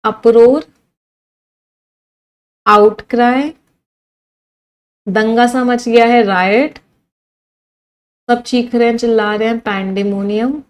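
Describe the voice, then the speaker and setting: A woman's voice: fairly high pitch, steady tone, takes it slowly, pauses often, rough recording. Indian woman teaching English vocabulary. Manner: lists words one by one, quizzes students. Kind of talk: online vocabulary lesson.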